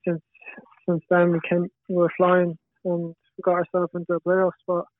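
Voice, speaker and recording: Heard on a tinny, band-limited line without echo, a young man from Galway speaks high and monotone at an ordinary pace. He is a footballer appearing on a podcast, answering casually in a hesitant, low-key way with a west of Ireland accent.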